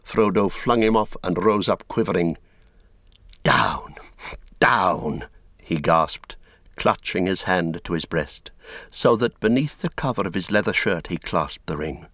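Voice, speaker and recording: A man reading a fantasy story aloud in a measured, dramatic storytelling manner. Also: low-pitched, dry recording, studio quality. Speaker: audiobook narrator. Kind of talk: scripted narration.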